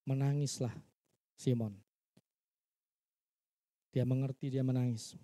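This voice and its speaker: A man's voice: mid-range voice, fairly even intonation, slow, dark tone. A male pastor preaching a sermon in church. He teaches by asking his listeners questions and acting out the quoted dialogue.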